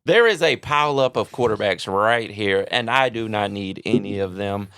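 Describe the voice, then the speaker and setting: A man's voice: fairly low pitch, moderate pace, creaky, fairly bright tone, smooth, no room sound. A man guesting on a fantasy football podcast, laid-back and trash-talking while he makes his picks. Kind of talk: casual fantasy draft chat.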